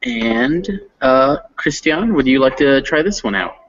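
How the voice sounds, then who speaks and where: A friendly, slightly hesitant man with lots of fillers teaches an online English reading class casually, working from an unfamiliar classroom. His mid-range voice is a bit bright, with lively intonation and a measured pace. The audio sounds dull.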